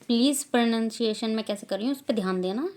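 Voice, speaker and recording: An Indian woman teaching a language class with slow, deliberate explanations, stressing each syllable loudly in repetition drills. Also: fairly high pitch.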